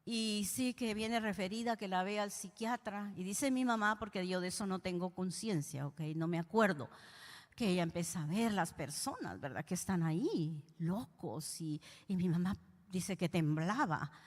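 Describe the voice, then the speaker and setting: A woman's voice: fairly low pitch, animated, normal speed. Woman preaching her testimony. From Guatemala. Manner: emotional, addresses listeners directly. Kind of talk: testimony sermon. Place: church hall. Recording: long hall reverb.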